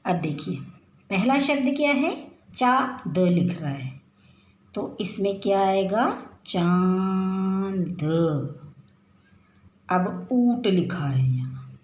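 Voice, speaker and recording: A woman teacher giving a children's lesson, drawing words out slowly in a sing-song drill. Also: mid-range voice, very animated. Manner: slow, drawn-out, sing-song word drilling. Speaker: primary school teacher. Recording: very echoey room with faint noise.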